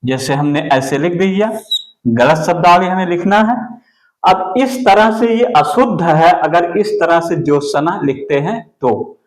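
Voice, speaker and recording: A man teaching an exam-prep spelling lesson, going slowly and repeating each word. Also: a little high, lively intonation, roomy sound, rough recording. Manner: slow, deliberate, repeats words for the student.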